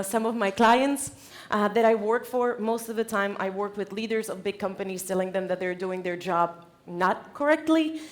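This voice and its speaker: Delivering a conference keynote, a woman from the Czech Republic speaks at medium pitch with a Czech accent. Her motivational presentation is informal, jokey and conversational, with a playful touch.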